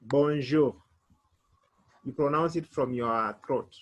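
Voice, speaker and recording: A man's voice: on the high side, slow pace, dull audio. A man teaching a beginner French lesson online, spelling words out letter by letter.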